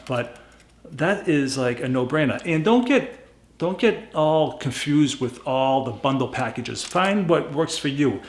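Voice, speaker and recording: Emphatic Boston-accented man in an echoey room. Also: medium pitch. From New England, USA. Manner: plainspoken, emphatic, repeats himself for stress. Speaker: YouTube gadget reviewer. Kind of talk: casual unscripted product review to camera.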